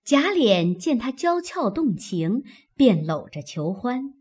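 A woman narrating a classic novel in a slow, measured storytelling manner. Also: on the high side, big pitch swings, darkish tone, breathy edge.

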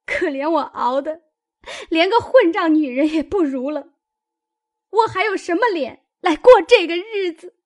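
A woman voicing a sharp-tongued young noblewoman of a great house, domineering and scornful in a dramatized novel reading. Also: very high voice, animated. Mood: aggrieved, tearful. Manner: domineering, scornful and quick to scold.

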